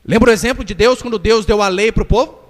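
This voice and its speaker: In a reverberant church hall, a pastor with a Brazilian Portuguese accent preaches emphatically, acting out little dialogues. His voice is high-pitched and his pace quick.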